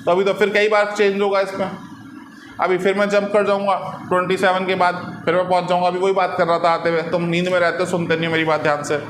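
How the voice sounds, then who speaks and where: Guy teaching physics, pretty high voice, keeps asking if we get it, echoey classroom with faint noise. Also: completely flat delivery, fast, fairly bright tone. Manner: explains patiently, keeps asking "ठीक है?" and "है ना". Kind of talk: classroom lecture.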